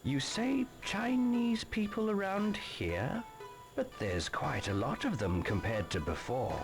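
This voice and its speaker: A kindly older shopkeeper who explains things slowly, his pitch rising and falling a lot. He speaks in a dubbed video game. Game music plays under him. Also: huge pitch swings, full character voice. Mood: explaining. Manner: slow, explaining.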